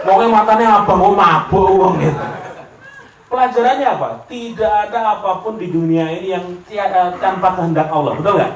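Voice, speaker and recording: With a high voice and a slightly fast pace, a Javanese-accented preacher gives a comic sermon, acting out the voices of people in his stories and slipping into Javanese. The lecture hall echoes with audience laughter, recorded from afar.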